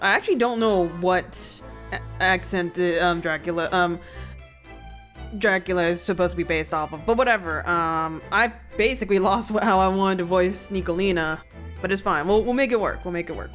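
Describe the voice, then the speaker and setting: A woman's voice: fairly low pitch, a bit bright. A woman streamer chatting casually over a game, rambling and self-deprecating with lots of fillers. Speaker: let's play streamer.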